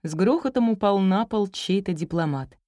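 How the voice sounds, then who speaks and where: A woman reads a children's story aloud in a measured, expressive way. Her voice is mellow and warm, and the recording is close and dry. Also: medium pitch, dry recording. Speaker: narrator. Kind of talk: audiobook reading of a children's story.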